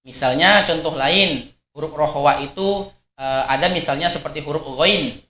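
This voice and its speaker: A man's voice: fairly high pitch, moderate pace, bright, forceful tone. Man teaching in an echoey room. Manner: patient, repeats points and models each sound aloud. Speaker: Quran recitation teacher. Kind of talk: explanatory religious lesson.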